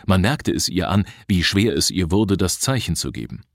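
A man narrating an adventure story in an expressive, scripted reading. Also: low-pitched, normal speed, creaky, dry recording, studio quality. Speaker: audiobook reader.

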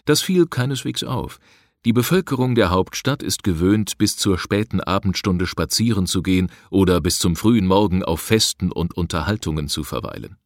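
Deep-voiced male audiobook narrator. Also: expressive, moderate pace, vocal fry, no echo, clean studio sound. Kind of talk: scripted narration.

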